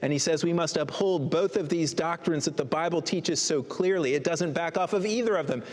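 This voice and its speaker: A man's voice: a little high, a little fast. A man preaching a sermon as pastor, earnest with rising emphatic exhortations. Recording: long hall reverb.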